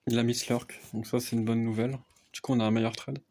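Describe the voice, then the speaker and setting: A young man softly explaining a card game deck as casual gameplay commentary, often hesitant with fillers. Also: flat delivery, quick pace. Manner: speaks softly, low volume. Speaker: card game content creator.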